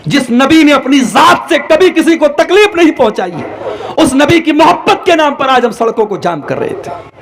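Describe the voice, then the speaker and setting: Man, preacher, sermon, high voice, gravelly, impassioned, big swings in loudness. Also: sing-song. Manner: impassioned, rising and falling delivery; chants Arabic quotations slowly.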